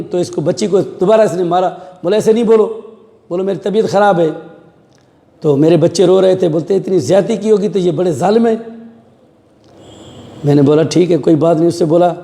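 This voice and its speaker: A man's voice: sits high, warm tone. A middle-aged man, a police officer, telling an interviewer what happened and acting out the voices of the people he quotes. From Pakistan. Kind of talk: recounting events in an interview. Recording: echoey room with long reverb.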